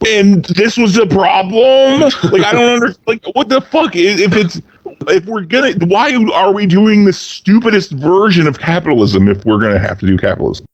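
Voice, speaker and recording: A man rants through a casual podcast chat, cursing freely and leaping up and down in pitch to hammer his points. The audio is dull and lo-fi, with a dry, close sound and no room echo. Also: lively intonation, normal speed. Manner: profane, ranting, swings pitch wildly for emphasis. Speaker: podcast co-host.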